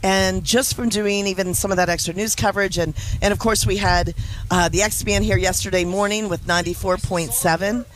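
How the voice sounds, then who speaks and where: A woman's voice: medium pitch, fairly even intonation, brisk, slight background noise, low-quality recording. A woman appearing as a guest on a local radio show, explaining a food drive in a friendly way. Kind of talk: radio interview.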